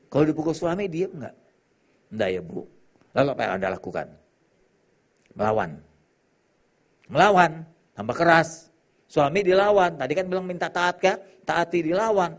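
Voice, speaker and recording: Man preaching, high-ish and very lively, comic asides and play-acted spouses. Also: normal speed, long pauses. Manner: joking, teasing the congregation; acts out quarreling spouses in put-on voices. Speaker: pastor. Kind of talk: sermon.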